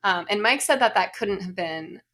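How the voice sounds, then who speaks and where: Gravelly, sardonic woman co-host. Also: medium pitch, normal speed. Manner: animated, exasperated, sardonic. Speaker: podcast co-host. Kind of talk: casual chat.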